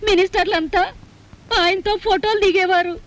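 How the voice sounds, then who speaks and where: An actress playing a distraught wife who pleads tearfully in a film scene. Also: female voice, extremely high pitch, fairly even intonation, moderate pace. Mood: boastful. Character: distraught middle-aged wife seeking her husband. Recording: film soundtrack with music behind.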